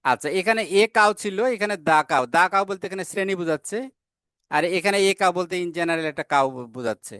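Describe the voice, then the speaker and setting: A male teacher talks through a grammar lesson at a patient, explaining pace, slowing right down to read out English example sentences. His voice sits a little high and sounds smooth and clear. He breaks his flow with small "ah" fillers and quick self-corrections, recorded close up in a dry space with no room sound. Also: a bit bright, dry recording. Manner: explains step by step, reads English examples slowly.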